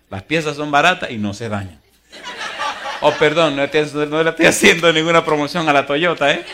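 A middle-aged man preaching a sermon as pastor, animated and humorous, moving from hushed asides to loud exhortation. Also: medium pitch. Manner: humorous storytelling.

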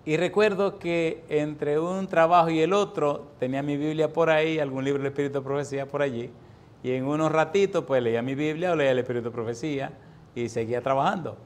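A man in his sixties preaching a sermon, telling a personal story in an animated way and lifting his voice for repeated refrains. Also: a little high, brisk. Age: 60s.

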